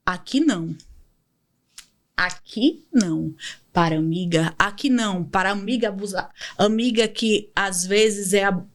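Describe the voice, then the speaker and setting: A woman hosting a podcast, speaking enthusiastically and repeating her key phrases for emphasis. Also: medium pitch. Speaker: podcast host, image consultant. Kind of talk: motivational podcast talk.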